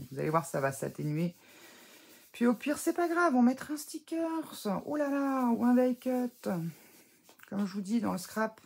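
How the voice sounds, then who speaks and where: Chatty woman with a gravelly, husky voice. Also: fairly low pitch, darkish tone. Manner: chatty, hesitant, full of fillers and self-corrections; talks while working with her hands, self-mocking. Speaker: scrapbooking crafter. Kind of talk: casual craft tutorial.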